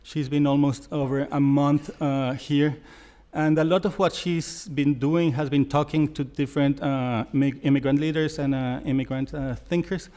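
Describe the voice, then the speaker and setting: A man's voice: fairly high pitch, steady tone, mellow. A man, a curator, introducing speakers at a gallery event with many hesitations and fillers. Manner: halting, full of uh fillers. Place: gallery talk before an audience.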